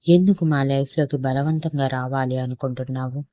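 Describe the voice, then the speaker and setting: An angry young mother voiced by a woman storyteller who scolds sharply in a level, flat voice. The sound is dry and close. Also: a bass voice, normal speed, dry recording, lo-fi sound. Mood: irritated.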